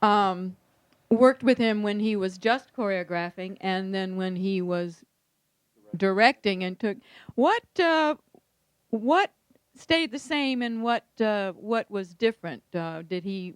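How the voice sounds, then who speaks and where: A woman's voice: mid-range voice, slow, smooth, no room sound. A woman moderating a panel discussion, asking questions hesitantly with many fillers.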